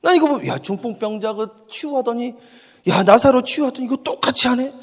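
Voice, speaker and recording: A man preaching at a dawn church service as pastor, emphatic, repeating his phrases and swinging from quiet talk to shouting. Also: very high voice, a little fast, slightly rough, in a large hall. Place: church sanctuary.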